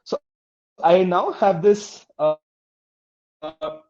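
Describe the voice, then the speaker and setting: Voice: mid-range voice, big pitch swings, very slow, vocal fry, a little mellow. An instructor teaching a live online coding class, explaining step by step, putting questions to the class and often checking in with "okay?" and "right?". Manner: addresses the class directly with questions. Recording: dull, muffled lo-fi audio.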